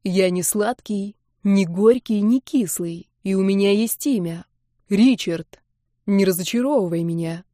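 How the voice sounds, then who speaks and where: A woman voicing a languid, sarcastic young man who speaks slowly in an audiobook. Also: medium pitch, dark tone, dry recording, clean studio sound, lightly acted. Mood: smug. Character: lazy, smug young man.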